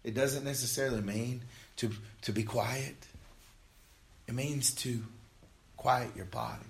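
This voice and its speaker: A man's voice: medium pitch, steady tone, a little slow, creaky, low-quality recording. A man preaching a sermon, telling a scripture story with earnest emphasis that rises and falls.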